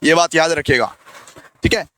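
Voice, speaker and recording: A man gives a lecture playfully and teasingly, repeating key lines in a sing-song and answering his own questions in a call-and-response with himself. His voice is a little high and smooth with a sharp tone, at a moderate pace.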